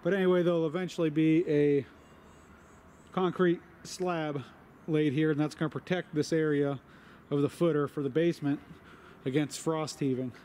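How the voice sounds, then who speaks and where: A man with a slightly higher voice talks through his building site in a relaxed, matter-of-fact way, pausing on fillers as he goes. He is recorded outdoors on a handheld camera, with faint outdoor ambience behind him. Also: a little hiss or hum. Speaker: homesteader vlogger. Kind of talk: casual walkthrough narration.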